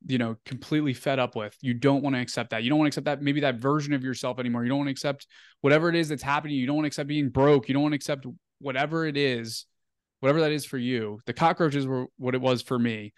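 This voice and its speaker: A man's voice: mid-range voice, steady tone, fast, clean tone, no room sound. Chatty young man, dry close mic. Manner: rambling, filler-heavy, "like" and "um" often. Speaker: interview guest. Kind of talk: casual storytelling interview.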